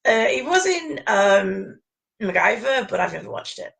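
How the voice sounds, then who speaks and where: Gravelly-voiced woman chatting. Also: a little high, very animated, unhurried, fairly bright tone. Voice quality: gravelly, creaky voice. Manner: rambling, chatty, laughs often. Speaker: podcast co-host. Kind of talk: casual chat about fan conventions.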